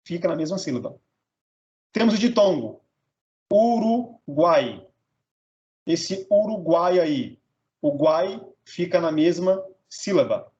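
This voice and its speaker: A man's voice: a little high, lively intonation, unhurried, mellow, highs cut off. A Brazilian man teaching a grammar lesson, sounding out words syllable by syllable and checking in with "tá?" and "beleza?". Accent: Brazilian Portuguese.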